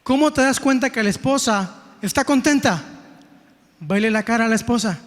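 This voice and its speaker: A man's voice: very high-pitched, animated, moderate pace, fairly bright tone. A Mexican man preaching a sermon in an event hall, folksy and emphatic, often putting questions to his listeners. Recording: long reverb in an event hall.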